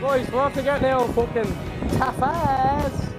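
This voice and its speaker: A man's voice: extremely high pitch, fairly even intonation, takes it slowly. A young man with an Irish accent, vlogging casually and interviewing passers-by in a boisterous, sweary, slangy way. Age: young adult. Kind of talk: casual street vlog chat, quizzing passers-by. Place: busy shopping streets, pub and shops. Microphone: phone at arm's length. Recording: handheld phone recording with music and crowd noise. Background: music, crowd, street traffic.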